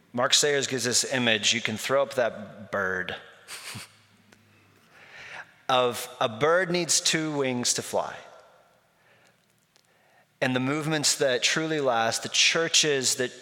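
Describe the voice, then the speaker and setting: A man's voice: mid-range voice, sharp tone, long reverb tail. A man preaching a sermon as pastor, in a conversational storytelling way, recorded in a church sanctuary.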